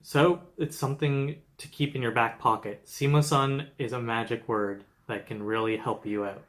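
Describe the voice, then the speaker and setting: Steady young man narrating travel tips. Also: medium pitch, normal speed. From Canada. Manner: steady, explanatory storytelling with light humor. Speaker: travel vlogger.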